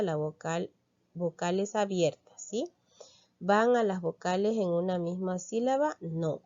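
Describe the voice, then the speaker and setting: A woman's voice: mid-range voice, warm tone, muffled recording. Patient woman teacher explaining a lesson. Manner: patient, explains step by step, checks in with "¿sí?". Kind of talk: classroom lesson walkthrough.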